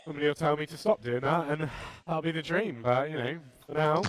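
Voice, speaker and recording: A man's voice: on the high side, fairly quick, no room sound. A man who is a tournament player rambling casually, thinking aloud in a dryly jokey, self-deprecating way.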